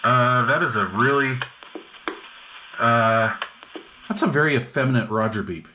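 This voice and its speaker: A sharp-toned, medium-pitched man speaks a little slowly as he demonstrates gear at an indoor radio workbench. This hobbyist vlogger keeps it laid-back and slangy, thinking aloud to himself, over a clearly noisy, clicking recording.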